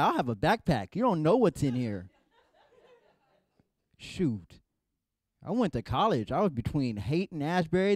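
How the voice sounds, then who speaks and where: A man's voice: on the high side, darkish tone, no room sound, clean studio sound. A young man from San Jose doing a stand-up set, playful and mock-indignant as he chats with the crowd. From San Jose, California. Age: young adult. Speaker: stand-up comedian.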